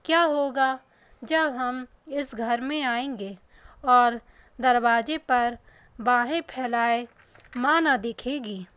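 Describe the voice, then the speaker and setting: A woman narrating an emotional family story in the first person, in a slow, soft and sorrowful reading. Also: fairly high pitch, clean tone, no room sound.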